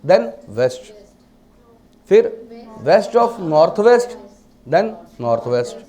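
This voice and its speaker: A man's voice: sits high, sing-song, very slow, dark tone. A man teaching a class, mixing English terms into his Hindi and asking the class rhetorical questions. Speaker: vastu teacher. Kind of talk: classroom lecture.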